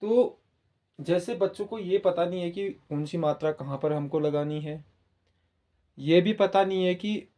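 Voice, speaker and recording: A man's voice: high voice, unhurried, warm tone. A man teaching a grammar lesson to students, patiently repeating points and speaking straight to the listeners. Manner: patient, repetitive, addresses listeners directly. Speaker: Hindi teacher.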